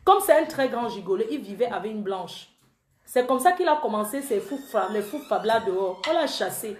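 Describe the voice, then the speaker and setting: A woman's voice: medium pitch, expressive, fairly quick, reverberant. A woman who calls herself the panther, angrily accusing a man she speaks to directly, in an emotional live-stream rant. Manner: accusatory, repetitive, addresses the absent man directly. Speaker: online commentator.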